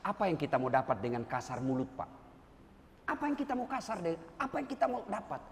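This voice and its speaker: A middle-aged man with a Makassar accent delivers an animated sermon in a high voice. He shifts between loud emphatic bursts and softer asides. The sound is of a large hall with long reverb and a faint hum of noise. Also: brisk. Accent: Makassar Indonesian. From Indonesia. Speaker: preacher; lecturer.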